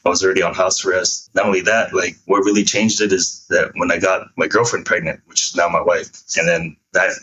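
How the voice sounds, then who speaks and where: A man's voice: sits low, level tone, fairly quick, hardly any pauses, bright, forceful tone, husky, muffled recording. A man in his thirties, a military veteran guest, telling his life story in a loose, casual way with some slang. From United States (San Francisco). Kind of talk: casual chat.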